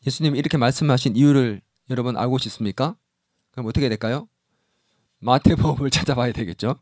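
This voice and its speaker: A middle-aged man preaching a sermon as pastor in a church, animated and acting out quoted voices. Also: medium pitch, fast, no echo, clean studio sound. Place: church sanctuary.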